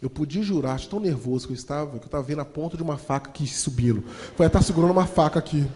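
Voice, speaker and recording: A Brazilian man with a Brazilian Portuguese accent telling his life story as a motivational speaker, lively and addressing the audience directly. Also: mid-range voice, rapid-fire. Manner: lively, acts out voices, addresses audience as "gente". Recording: long hall reverb.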